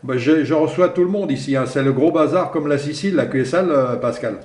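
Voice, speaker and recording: This male amateur radio operator is a little high-voiced and brisk, talking easygoing contact chat over echoey two-way radio with frequent small tag words at phrase ends. The background is noisy.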